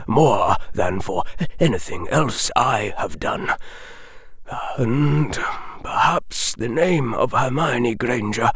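A man voicing a gentle, sorrowful old male wizard, speaking slowly and solemnly, often sinking into a whisper. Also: medium pitch, creaky, breathy edge, dry recording, clean studio sound, heavily acted. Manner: slow, soft, partly whispered, solemn. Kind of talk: audiobook character reading.

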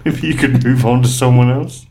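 A man's voice: medium pitch, steady tone, moderate pace, gravelly, a little mellow, a little hiss or hum. A man co-hosting a podcast in casual chat, with dry, teasing banter. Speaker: podcast co-host.

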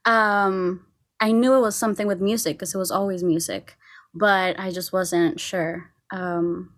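A woman's voice: lowish voice, steady tone, unhurried. A woman from Costa Rica, a singer, chatting casually on a podcast, with frequent laughs and fillers. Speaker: singer and co-host.

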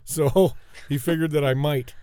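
A man's voice: fairly high pitch, steady tone, a little slow, mellow, clean tone, no room sound. A man with a somewhat raised voice tells a crude, rambling story on a casual podcast. He swears freely and keeps pushing on while his friends cut in. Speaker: podcast co-host.

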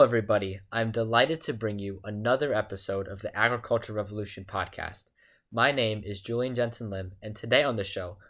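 A man's voice: on the low side, fairly bright tone. A man hosting an interview podcast, reading his introductions and questions from a script. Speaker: podcast host.

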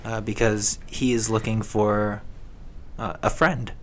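A man's voice: on the low side, little pitch movement, slow, a bit bright. A man speaking as a guest in a casual, improvised way, often searching for his words. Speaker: guest pitching game ideas. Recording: clear background noise.

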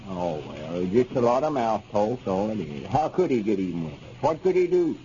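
An actor playing a folksy, self-assured country storekeeper with a rural Southern American accent, in 1930s radio serial style. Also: male voice, on the low side, sing-song, fairly quick, warm tone. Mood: unhurried, mulling. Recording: dull, faintly noisy old radio recording.

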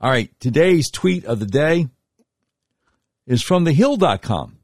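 A man with an American accent and a husky voice, hosting talk radio in a folksy, deliberate, emphatic way with dramatic pauses. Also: a little high, very animated, a little mellow, no room sound, clean studio sound. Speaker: radio talk show host. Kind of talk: talk radio monologue with live-read sponsor spots.

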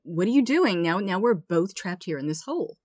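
A woman's voice: fairly low pitch, expressive, moderate pace, a little mellow, no echo. A woman telling of a trapped, exasperated man. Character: desperate man trapped in a hole.

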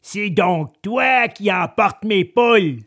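A woman's voice: lowish voice, lively intonation, a little slow, a bit bright, full character voice. A woman voicing an angry, stern male farmer in a storybook reading. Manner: stern, scolding. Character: gruff, angry middle-aged male farmer.

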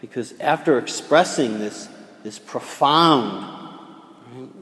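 A man preaching as a priest, reading the gospel and giving a homily in a slow, measured way with casual fillers, heard with cathedral echo. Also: mid-range voice, expressive, a bit bright. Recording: cathedral echo with long reverb.

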